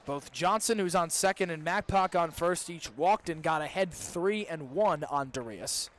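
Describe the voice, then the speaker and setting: A young adult man calls live radio play-by-play of a baseball game from a booth with an open window. His voice is on the high side and a bit bright, with lively intonation at a moderate pace, and the outdoor broadcast picks up background noise.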